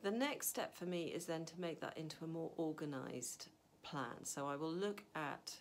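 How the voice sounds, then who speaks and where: In her home study, beneath a wall map, a middle-aged woman novelist talks to camera, giving casual advice while she thinks aloud, restarts, and uses fillers. Her voice is low-pitched at a moderate pace, with slight background noise.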